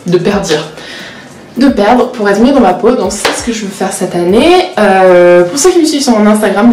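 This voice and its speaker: A woman of 19 who vlogs and studies law, with Portuguese as her first language, speaks with medium pitch and a slightly mellow tone. Her candid, casual chat is self-mocking and full of hesitation, recorded in an echoey room.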